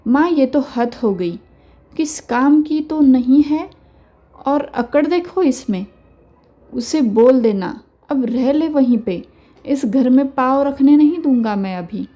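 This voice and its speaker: A woman's voice: high-pitched, expressive, takes it slowly, lo-fi sound, heavily acted. Woman voicing a curt, demanding son. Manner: curt, complaining. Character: grown son, dismissive, impatient, demanding.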